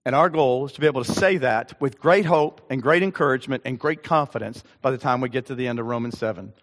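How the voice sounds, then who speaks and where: An older pastor speaks fast at medium pitch, preaching an earnest sermon in a conversational way and reading scripture with emphasis. The setting is a church sanctuary, heard with a long hall reverb.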